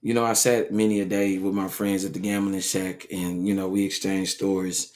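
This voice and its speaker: A man with a Southern American accent co-hosting a podcast, telling a story in a loose, animated way and laughing often. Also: low voice, moderate pace. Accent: Southern American English. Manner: animated storyteller, laughs often, keeps saying "you know what I'm saying". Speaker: podcast co-host. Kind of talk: casual chat, storytelling.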